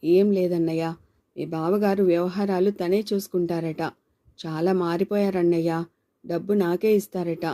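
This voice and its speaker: A gentle young wife from a storybook, soft-spoken and plain, voiced by a woman reading aloud. Her warm, mellow tone stays modest and quiet. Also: lowish voice, steady tone, normal speed, natural voice.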